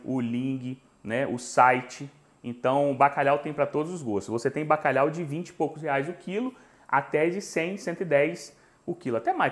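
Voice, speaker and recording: Brazilian man in his forties hosting a cooking stream, animated storyteller, a bit high-pitched, close lapel mic. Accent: Brazilian Portuguese. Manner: animated storytelling, chatty and joking with viewers. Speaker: cooking show host. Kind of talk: live cooking stream chat. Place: home kitchen, indoors.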